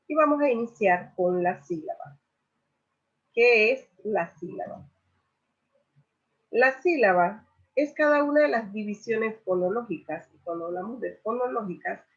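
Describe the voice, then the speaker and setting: A woman teaching a Spanish grammar lesson, explaining slowly and saying each example word loudly, then repeating it. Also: medium pitch, slightly rough. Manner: stresses example words loudly and repeats them. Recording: dull lo-fi recording.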